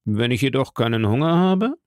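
A man's voice: mid-range voice, expressive, normal speed, a little mellow, no echo, clean studio sound, natural voice. A man voicing an earnest, heartfelt young army captain.

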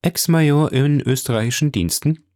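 A man reading aloud voices a polished count who speaks smoothly and with calm authority. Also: mid-range voice, moderate pace, no room sound, studio quality, pitched above the performer's own voice, close to an everyday voice. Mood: assured, courteous. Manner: smooth, assured and courteous. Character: suave commanding count, polished and smiling.

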